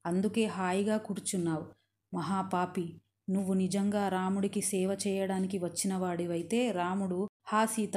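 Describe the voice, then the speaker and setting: A woman voicing a passionate, headstrong young royal woman in a storytelling reading, slow and emphatic. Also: medium pitch, dark tone, close to an everyday voice. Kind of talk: storytelling narration.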